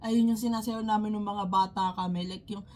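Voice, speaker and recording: A woman's voice: medium pitch, steady tone, a little fast, slight background noise. A young woman with a Filipino accent, chatting casually and gushing as she hosts a video reacting to a performance. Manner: chatty, gushing, exclaims loudly. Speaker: reaction channel host. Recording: loud music playing behind.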